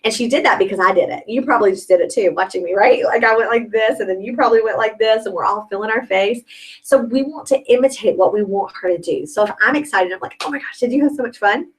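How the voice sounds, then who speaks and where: A woman's voice: mid-range voice, fast talker, low-quality recording. A young woman coaching a sales team in a chatty, upbeat way, often checking in with "okay?". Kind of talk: sales training talk.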